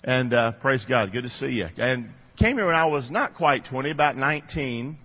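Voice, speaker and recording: A pastor in his 50s from North Carolina, with a Southern American accent, preaches a folksy, chatty sermon straight to his congregation in a church sanctuary. His mid-range voice is animated and slightly rough at a normal pace, and the audio is dull with long reverb.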